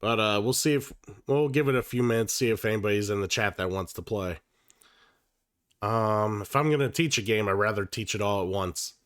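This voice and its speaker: He's a livestream host running board games while sick, so he comes across slightly nasal, cursing freely and chatting casually with many fillers and restarts. The voice is lowish, smooth and a bit bright, moving a little fast, on a dry, studio-quality recording.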